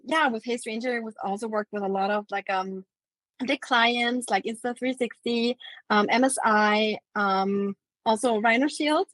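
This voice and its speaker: A woman's voice: a little high, no echo, low-quality recording. Austrian-born woman chatting, dry close sound. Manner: relaxed, many fillers like um and like. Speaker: guest, marketing agency founder. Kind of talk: casual interview talk.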